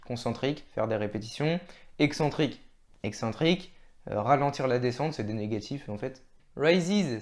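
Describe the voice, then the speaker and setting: A man with an ordinary mid-pitched voice talks through workout terms for his channel. He keeps it casual and chatty, poking fun at himself as he goes. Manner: relaxed, chatty, laughs at himself. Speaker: fitness YouTuber. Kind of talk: casual explainer video.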